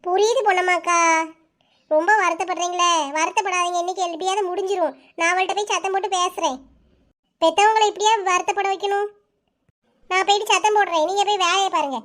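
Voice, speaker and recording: A bossy young village neighbor, voiced by a woman, fires off words in a very high, fast voice. She scolds sharply but means well. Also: fairly even intonation, a bit bright. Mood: eager. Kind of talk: cartoon voice-over.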